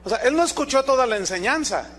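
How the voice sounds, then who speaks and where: A man, preaching a sermon as a pastor, animated and quizzing his congregation with rhetorical questions. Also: extremely high pitch, fast.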